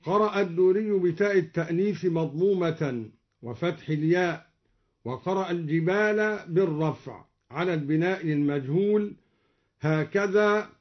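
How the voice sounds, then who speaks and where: A man teaching recitation, who explains each reading plainly and then chants the verse slowly and melodically. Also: high voice. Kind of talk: explaining recitation variants with slow chanted examples. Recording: dull lo-fi recording.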